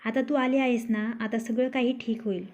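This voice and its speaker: A woman's voice: fairly high pitch, fairly even intonation, normal speed, darkish tone, lightly acted. A woman voicing a rude, arrogant young husband in a storybook tale, speaking in a taunting, scolding way. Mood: fond. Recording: dull lo-fi recording.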